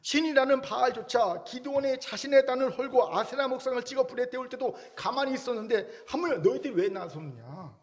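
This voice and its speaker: A man's voice: very high voice, lively intonation, fairly quick, few pauses, long reverb tail, pitched above the performer's own voice. A preacher acting out a scornful old father. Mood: defiant. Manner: scornful, threatening, sarcastic. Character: defiant, mocking older father defending his son.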